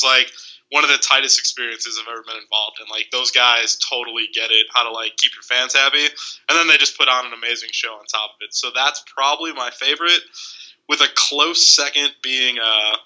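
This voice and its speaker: A young man hosting a casual podcast chat, telling animated stories and swearing freely. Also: medium pitch, low-quality recording. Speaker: podcast host.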